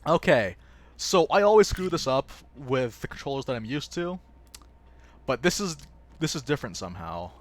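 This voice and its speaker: A man's voice: mid-range voice, big pitch swings, moderate pace. A man streaming himself playing a game live, chatting playfully with his viewers and joking at his own expense. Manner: laughs often. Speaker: gaming livestreamer. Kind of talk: casual live gameplay commentary.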